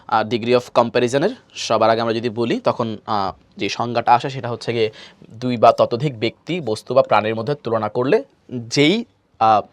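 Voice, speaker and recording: A man's voice: medium pitch, no room sound. A male teacher gives an admission-prep lecture, explaining step by step, asking and answering his own questions and leaning on repeated filler phrases. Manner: leans on stock fillers and repetition.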